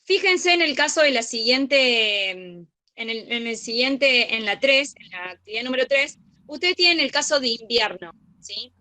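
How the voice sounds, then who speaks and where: A woman's voice: fairly high pitch, lively intonation, moderate pace, bright, forceful tone. A young woman with a Rioplatense accent teaching an online grammar study group, patient and checking understanding often. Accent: Rioplatense Spanish.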